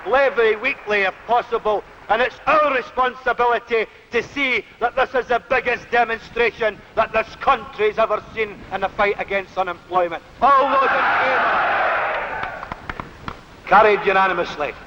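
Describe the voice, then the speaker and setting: A man's voice: sits high, steady tone, moderate pace, hardly any pauses, sharp tone. A man chairing and addressing a mass meeting as a shop steward. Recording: echoey hall, faintly noisy dull recording.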